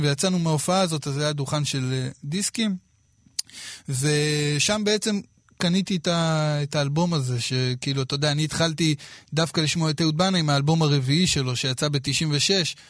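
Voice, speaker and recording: A man in his thirties from Israel, telling a personal story in a casual, lively way with quoted dialogue. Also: a little high, dry recording, clean studio sound. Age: 30s.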